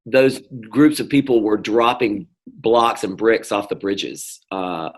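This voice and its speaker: A middle-aged man from North Carolina in the US South speaks slowly in a lowish voice. He's an interview guest in casual conversation, rambling along with plenty of fillers and restarts.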